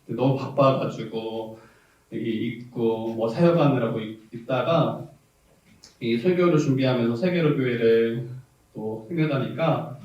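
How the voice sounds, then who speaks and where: This sermon comes from a Korean pastor of South Jeolla, a man speaking Jeolla dialect who reminisces candidly, laughs a lot, and rises to points of emphasis. He has a medium pitch, a measured pace, and a darkish tone. Captured from a distance in a church sanctuary, the audio is very echoey with the highs cut off.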